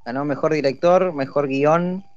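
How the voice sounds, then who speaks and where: A man's voice: fairly high pitch, moderate pace, a little mellow. A man with an Argentine accent hosting a casual podcast chat, joking and dropping lots of filler sounds. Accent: Argentine Spanish. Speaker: podcast host. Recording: dull lo-fi dry audio, faint music.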